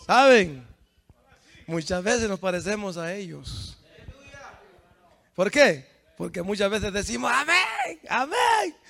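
A man preaching a fervent sermon, swinging from hushed asides to shouts and firing questions at the congregation. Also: high voice, slow, gravelly, long pauses.

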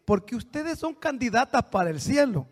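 Male pastor with a high voice, church sermon, storytelling with sudden loud exhortation. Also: sing-song, moderate pace. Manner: storytelling preacher, swings from soft asides to loud exhortation.

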